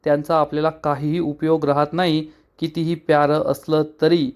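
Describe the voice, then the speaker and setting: A man's voice: fairly high pitch, level tone, normal speed, clean tone, natural voice. A man voicing a smug scheming woman. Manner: smug, mocking.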